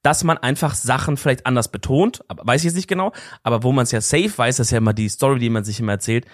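A man's voice: medium pitch, quick pace, no room sound. Slangy young man, dry close sound. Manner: slangy, rambling explanations. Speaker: podcast co-host. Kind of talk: casual chat.

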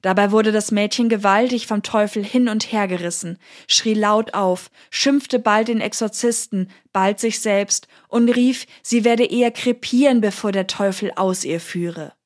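A woman narrates a historical account with calm, measured delivery. Her voice sits at an ordinary middle pitch. It is scripted storytelling.

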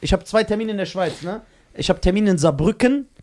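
High-voiced guy co-hosting a podcast, bouncy and all over the place, keeps cracking up. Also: fairly quick. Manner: animated, laughs often, shrieks with amusement. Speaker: podcast co-host and touring comedian. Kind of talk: casual chat.

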